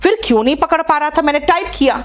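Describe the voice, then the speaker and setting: A woman's voice: sits high, fast talker, lo-fi sound. A middle-aged woman, teaching vocabulary in an online class and coaxing her students step by step. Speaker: English teacher.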